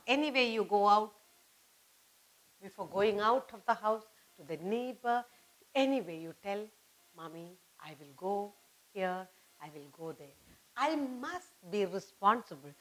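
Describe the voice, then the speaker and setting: Recorded in poor audio, a middle-aged Indian-accented woman gives a children's lesson before a whiteboard in an indoor studio. Her mid-range, fairly bright voice repeats and emphasises key words in a teacherly manner.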